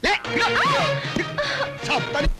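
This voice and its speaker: An actor playing an excitable, panicky comic man in a film, wailing and fussing in a high, whiny voice. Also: unhurried, close to an everyday voice. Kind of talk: film comedy acting. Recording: film soundtrack with music underneath.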